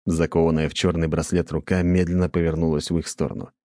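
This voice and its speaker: Deep-voiced man narrating an audiobook. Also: little pitch movement, fast, dark tone, no room sound, clean studio sound.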